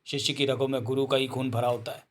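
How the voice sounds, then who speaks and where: A man's voice: mid-range voice, flat delivery, quick pace, lightly acted. A man voicing a fierce, proud wolf-man warrior who speaks sternly and defiantly.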